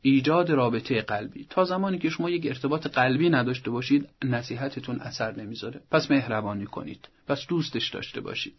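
A man speaks as a family advice expert on a broadcast talk program, earnest and teacherly, and he acts out parents and teens in short scenes. His voice is husky and sits at a middle pitch. The audio is dull and lo-fi. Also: few pauses.

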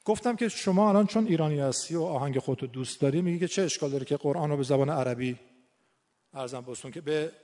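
A man's voice: medium pitch, mellow, big-room sound. A man giving an earnest, explanatory talk about Quran recitation, quoting Arabic verses and sayings as he speaks.

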